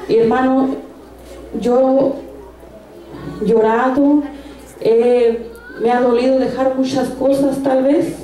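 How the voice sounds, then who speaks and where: Woman telling her faith testimony in church, dark mellow voice kinda high, lots of echo. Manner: earnest storytelling with frequent restarts. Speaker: church member giving a testimony. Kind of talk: personal faith testimony in Spanish. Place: church service hall. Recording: echoey room sound.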